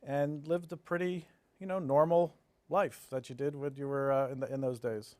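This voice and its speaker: A man in his fifties from New Jersey, a development executive appearing as an interview guest, tells stories in a casual, matter-of-fact way. His voice is medium-pitched, steady and a little mellow, moving at a normal speed, and the recording is dry.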